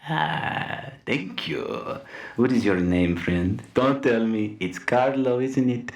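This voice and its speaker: A man's voice: mid-range voice, takes it slowly, gravelly, distant mic, voice pushed up. A man voicing a scheming cult villain in a tabletop game, gloating and toying with his listeners in a theatrical monologue. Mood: smug, welcoming. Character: scheming male cult villain, gloating, smugly playful, unhinged. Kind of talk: improvised tabletop role-play. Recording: roomy, echoing sound.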